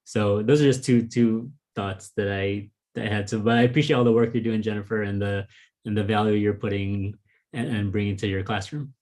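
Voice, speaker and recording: A native Vietnamese speaker with a low-leaning, darkish, steady voice talks a little fast while interviewing another author over video. It's a casual, thoughtful exchange, full of "like" and "um" fillers.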